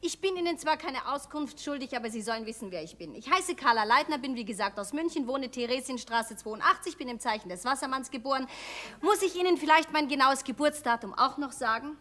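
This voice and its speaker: A woman's voice: sits high, lively intonation, a bit bright. An actress playing a playful, self-assured city woman with a Bavarian accent, pert and flirtatious in a folk theatre comedy. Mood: cool, pert. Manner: playful, pert, quick to retort.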